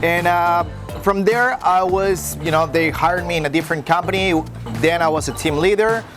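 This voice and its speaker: A Mexican man with an American-sounding English accent answers interview questions as a guest real estate broker. His voice is high-pitched and moves at a normal speed, friendly and explanatory with frequent "uh" fillers, while music plays behind him.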